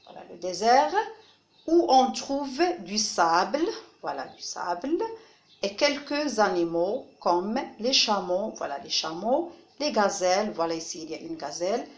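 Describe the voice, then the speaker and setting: A woman with a North African French accent, teaching a phonics lesson to children, slow and deliberate and repeating each word to model how it sounds. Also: medium pitch, echoey room. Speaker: primary school teacher.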